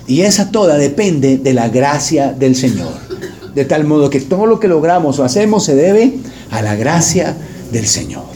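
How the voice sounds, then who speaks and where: Joking pastor preaching in church. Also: male voice, on the high side, very animated, normal speed, warm tone, slight background noise. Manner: jokey, mimics voices, addresses congregation directly. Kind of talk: sermon.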